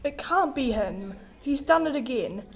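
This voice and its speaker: A woman's voice: high voice, animated, measured pace, gravelly, exaggerated voice. A woman playing a tired but determined male detective who sighs and gives firm orders. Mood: weary.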